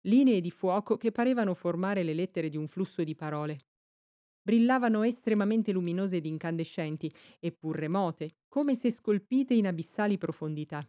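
Low, mellow woman narrating an audiobook. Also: dry recording, studio quality. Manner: measured, even storytelling.

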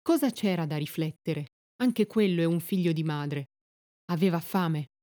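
A woman's voice: sits low, normal speed, dark tone, dry recording, clean studio sound, lightly acted. A woman voicing a simple, frightened peasant woman who asks bewildered, plaintive questions, in a read-aloud story.

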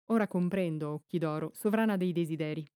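A woman's voice: on the low side, brisk, warm tone, smooth, dry recording, clean studio sound, natural voice. A woman voicing an earnest, tired young boy warrior in an audiobook, in a plain reading voice.

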